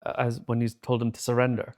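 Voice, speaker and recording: Relaxed man co-hosting a podcast. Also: mid-range voice, fast. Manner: relaxed, quotes lines from the show. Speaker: podcast co-host. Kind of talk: casual chat.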